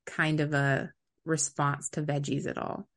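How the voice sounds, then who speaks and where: Lady podcast host, lower voice, chatty, laughs a lot. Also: a little slow. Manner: chatty, laughs often, animated when quoting people. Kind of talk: casual interview chat.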